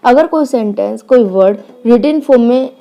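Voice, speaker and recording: A woman giving an online lecture as a teacher, reading English phrases slowly and then explaining each one. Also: fairly high pitch, creaky, muffled recording.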